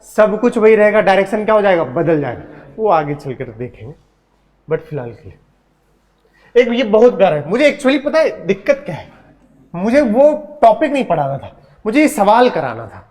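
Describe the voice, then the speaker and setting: High-voiced teasing physics teacher. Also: male voice, big pitch swings, moderate pace, darkish tone. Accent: Hindi. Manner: teasing, asks the class questions. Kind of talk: classroom lecture.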